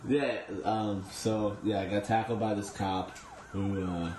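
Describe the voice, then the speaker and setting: A man's voice: lowish voice, steady tone, measured pace, echoey room, background noise. A young man from Long Island, a comedian telling laid-back, profane stories as a podcast guest. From Long Island, New York. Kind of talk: casual storytelling interview.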